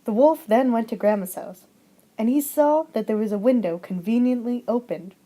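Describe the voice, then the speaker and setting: A woman's voice: on the high side, normal speed, warm tone. A young woman reads her own fairy tale aloud for a class project, stringing events together with "and then", in a plain amateur home recording. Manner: plain storytelling with frequent "and then".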